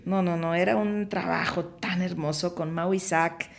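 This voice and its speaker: A middle-aged woman with a Mexican Spanish accent, a film producer and director appearing as a podcast guest, chats in a casual interview. She tells stories animatedly, with many restarts and fillers. Her voice is fairly low with vocal fry, at a normal speed.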